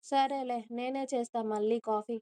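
A woman's voice: on the high side, steady tone, moderate pace, warm tone, smooth, close to an everyday voice. A woman voicing a playful, nervous young woman who chatters and pleads. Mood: chatty. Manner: chatty, pleading, stammering when caught.

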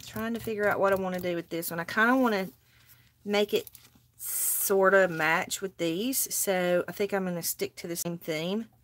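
Chatting with viewers as she crafts live, a woman with a Southern US accent hosts from an indoor craft table seen via overhead camera. She talks at a moderate pace in a steady, medium-pitched voice.

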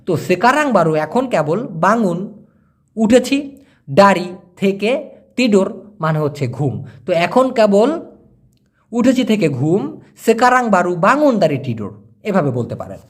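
A man giving a casual language lesson, explaining slowly and repeating words as he breaks them down. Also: high voice, big pitch swings. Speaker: language teacher.

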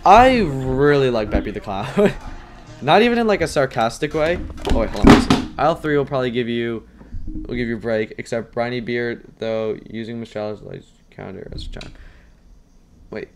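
A young man streams himself playing a game and chats the whole way through. He is casual and self-deprecating, full of fillers and sudden yelps, and his voice sits at an ordinary middle pitch. Game music runs faintly behind him. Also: expressive, moderate pace. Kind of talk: casual gaming commentary.

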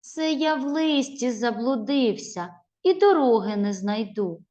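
A cheeky wind spirit from a children's storybook poem, read aloud by a woman, bragging that he never sits idle. His replies come out self-assured and a touch higher than plain speech, with an unhurried rhythm. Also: lively intonation, warm tone. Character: boastful restless male wind spirit.

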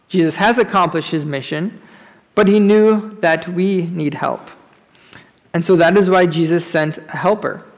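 Male pastor, high voice, pulpit microphone, long church-hall reverb, measured sermon delivery. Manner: measured, repeats key phrases, many "uh" fillers when praying. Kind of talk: sermon and prayer in a worship service. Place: church sanctuary during a service.

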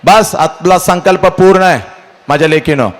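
Dramatic male lecturer, fairly high voice. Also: moderate pace. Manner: dramatic, repeats phrases, addresses the listener directly. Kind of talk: emotional motivational lecture.

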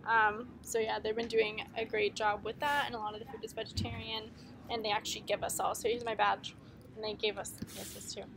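With a flat, creaky, medium-pitched voice and a slightly fast pace, a young American woman in her twenties reports as a student from inside a big conference hall. She films herself at arm's length for a casual classroom video update, explaining things with frequent ums over the hall's noisy background.

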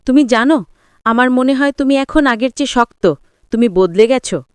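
A woman's voice: sits high, normal speed, clean tone, no room sound, clean studio sound, lightly acted. A woman voicing a tender young husband who works abroad, read aloud in an audio story. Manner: gentle, tender.

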